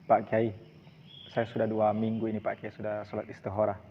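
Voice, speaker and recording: A man's voice: lowish voice, monotone, a little fast, close to an everyday voice. A man voicing an earnest young suitor who talks politely and keeps repeating his forms of address, on a dull lo-fi recording with faint hiss.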